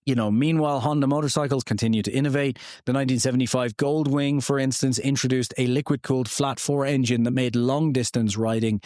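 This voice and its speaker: A man's voice: mid-range voice, steady tone, brisk, hardly any pauses, a little mellow, dry recording, studio quality. A man in his thirties hosting a podcast, telling history in a casual, rambling way with lots of fillers and personal asides. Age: 30s. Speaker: podcast host.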